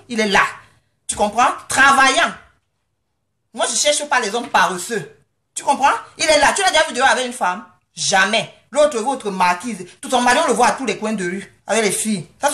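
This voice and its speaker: A vlogger rants angrily to camera from home, scolding and mocking her critics with sarcasm and repeatedly asking "you understand?" Her voice is a little high and a bit bright.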